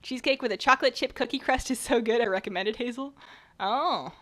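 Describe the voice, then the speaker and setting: Talking fast in a fairly high, somewhat bright voice, this young British Columbian chats and rambles as she bakes in her home kitchen and reads chat on stream. A recent cold has left her voice sounding worn.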